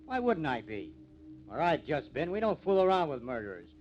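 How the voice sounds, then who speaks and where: In the style of a 1950s radio drama, a man plays a bitter, hot-headed young farmer's son who sneers at and picks fights with lawmen, his mood scornful. His voice is fairly high, sing-song and a bit mellow at normal speed, captured on a muffled, noisy old radio recording.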